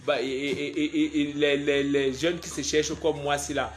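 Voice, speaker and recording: A man's voice: on the high side, flat delivery, moderate pace, slight background noise. A young man from Cameroon with a Cameroonian French accent, chatting playfully on a live stream as a comedian and reading out viewer comments. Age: young adult. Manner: playful, joking, reads viewer comments aloud. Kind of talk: casual live-stream chat.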